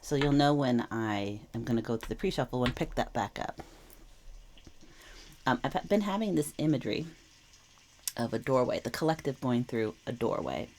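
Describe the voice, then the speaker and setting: A woman's voice: very deep voice, expressive, moderate pace, pauses often, darkish tone, a little hiss or hum. A slightly wheezy woman who is under the weather, giving a reflective, reassuring tarot reading to viewers in a casual, explanatory way. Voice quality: slightly wheezy, with throat clearing. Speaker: tarot reader and channel host.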